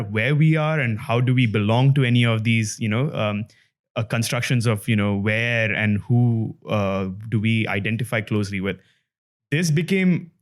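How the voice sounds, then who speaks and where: This is a Dubai-raised man hosting his own podcast. His voice sits at a middling pitch. He speaks reflectively, pausing and restarting as he works through his ideas. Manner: thoughtful, with frequent fillers and restarts. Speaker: podcast host. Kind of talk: reflective conversational chat.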